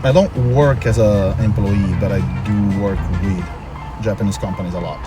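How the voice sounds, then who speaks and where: Recorded in or beside a car with background music, this casual street-interview guest is an Italian man who works in Japan. He speaks at a moderate pace in a lowish voice with fairly even intonation, giving long explanations full of emphatic repetition.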